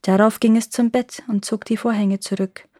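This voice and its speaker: A woman reading a fairy tale aloud in a calm, clear storytelling manner. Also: mid-range voice, moderate pace, no room sound, studio quality.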